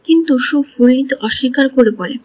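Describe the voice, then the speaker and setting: A woman's voice: high-pitched, brisk, darkish tone, husky. A woman retelling a drama's story scene by scene and reading the characters' lines in her own voice. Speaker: drama recap narrator.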